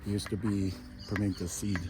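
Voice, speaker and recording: With little pitch movement and a lowish voice, this Jamaican-accented travel vlogger talks fairly quickly as he strolls through a hotel garden. He's chatty, addresses his audience as "my people," and every so often sinks into a murmur, while music plays in the background.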